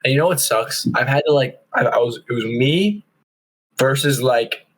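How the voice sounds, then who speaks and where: A young man on a podcast, telling gaming stories in a lively way and acting out what his friends said. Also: medium pitch, moderate pace, poor audio. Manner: animated storytelling, acting out quotes. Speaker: podcast co-host. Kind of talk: casual chat.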